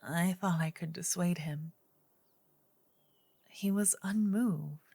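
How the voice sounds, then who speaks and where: A woman playing a gentle, earnest druid in an ASMR role-play, her soft female voice slipping between breathy soft voice and low murmur. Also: no room sound, full character voice. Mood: wistful, earnest. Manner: slow, gentle, intimate female voice with pauses. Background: soft medieval ambience and music.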